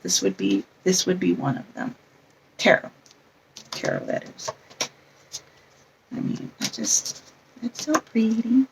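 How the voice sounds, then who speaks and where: Slow, gravelly-voiced woman chatting casually. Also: mid-range voice, far from the mic, slight background noise, rough recording. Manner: meandering, chatty, self-correcting. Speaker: tarot vlogger. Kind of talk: casual show-and-tell chat.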